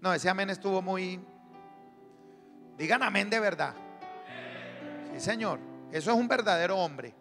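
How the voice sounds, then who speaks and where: A man's voice: sits high, measured pace, vocal fry, long pauses, a bit bright. A man preaching an emphatic sermon as pastor, calling on the congregation to answer. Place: church hall. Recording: live church sermon in reverberant hall with music.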